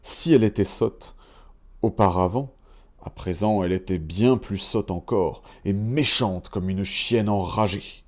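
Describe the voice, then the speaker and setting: A man reading a fairy tale aloud in a measured, even storytelling manner. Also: lowish voice.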